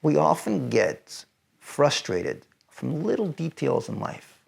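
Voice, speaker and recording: A rabbi giving advice with a gravelly edge to his voice. His pitch swings widely as he repeats phrases for emphasis. He climbs to loud, insistent peaks. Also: sing-song, slow. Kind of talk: advice talk to teenagers.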